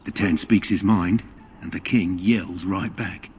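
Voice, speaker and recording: An actor playing a chatty, gossiping soldier guarding a tent in a video game. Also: male voice, sits low, steady tone, unhurried, a little mellow, slightly rough, exaggerated voice. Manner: conspiratorial, chatty. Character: gossipy adult male camp guard, loyal soldier.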